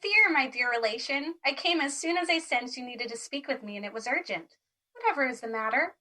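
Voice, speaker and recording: Audio drama: actress as the spirit of love, high-pitched, bright, sweetly fussy and theatrical. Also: female voice, expressive, a little fast. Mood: doting. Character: Love, sweet airy doting embodiment of love.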